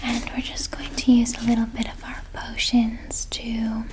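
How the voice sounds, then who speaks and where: Whispered role-play: woman as nurturing flower fairy, soft breathy whisper, soothing, slow delivery, fairly high. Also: completely flat delivery. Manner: soothing, unhurried. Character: gentle nurturing flower fairy befriending a newcomer.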